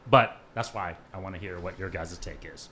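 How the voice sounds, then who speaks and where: A man's voice: deep voice, moderate pace, pushed and bright, a little hiss or hum. A man hosting a casual panel podcast, asking his guests questions and often checking in with "right?" and "okay.". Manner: conversational, asks questions, frequent "right?" and "okay". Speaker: podcast host.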